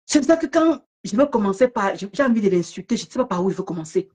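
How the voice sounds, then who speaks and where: A woman ranting casually on a live stream about an online feud, mocking and laughing loudly, talking fast in bursts. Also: medium pitch, sing-song.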